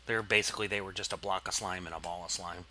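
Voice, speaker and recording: A man's voice: deep voice, fairly even intonation, fast talker, pushed and bright, a little hiss or hum. A man casually commenting on his gameplay, rambling and explaining as he goes, with plenty of fillers. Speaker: let's play host.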